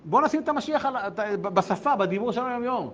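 A man teaching a religious lesson to a group, firing rhetorical questions and swinging between hushed asides and loud bursts. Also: extremely high pitch, lively intonation, muffled recording. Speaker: rabbi teaching a class.

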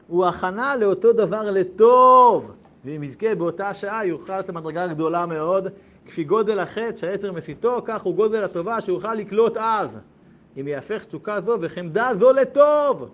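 A man teaching a Torah lesson, reading passages aloud and explaining them with loud, emphatic exclamations. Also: sits high. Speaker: rabbi teaching a class. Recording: dull lo-fi sound with faint background noise.

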